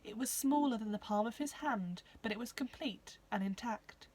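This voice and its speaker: A woman reads a children's novel aloud with clear, expressive storytelling. Her voice sits a little higher than most women's. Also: moderate pace, rough recording. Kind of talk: storybook narration.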